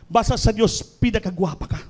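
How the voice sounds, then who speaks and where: High-voiced impassioned male preacher. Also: fairly quick. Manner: impassioned preaching, swinging from quiet to loud; mixes English scripture quotes into the sermon. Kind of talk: sermon.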